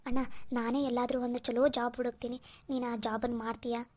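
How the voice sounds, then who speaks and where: A woman's voice: a little high, little pitch movement, fairly quick, a little mellow, close to an everyday voice. A woman voicing a caring younger sister in a cartoon drama, earnest and scolding. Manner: earnest, scolding, tearful pleas.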